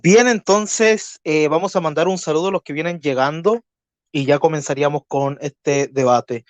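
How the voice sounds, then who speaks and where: A Chilean man moderating an online debate, courteous and measured, often pausing with fillers. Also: on the high side, dry recording. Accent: Chilean Spanish. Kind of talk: live-stream debate moderation.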